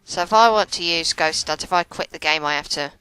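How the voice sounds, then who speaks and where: Woman, casual gameplay commentator, deep-ish crisp dry voice, self-deprecating and prone to stumbles. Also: a little fast, sharp tone, no room sound, low-quality recording. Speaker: let's play commentator.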